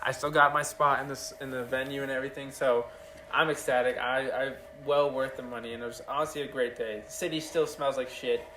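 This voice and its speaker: A man's voice: mid-range voice, fairly even intonation, a little fast, pushed and bright, slight background noise. Young male podcast host, rambling and profane, recorded in a roomy space off-mic. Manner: rambling storyteller, loose and profane. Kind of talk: casual chat. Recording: roomy, distant mic, faint ambience.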